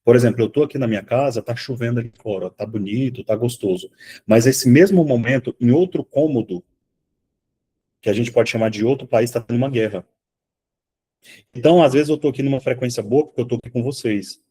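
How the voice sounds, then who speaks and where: A man teaching an online spiritual class from home, swinging from hushed remarks to loud outbursts and swearing freely. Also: mid-range voice, fairly quick, slightly rough.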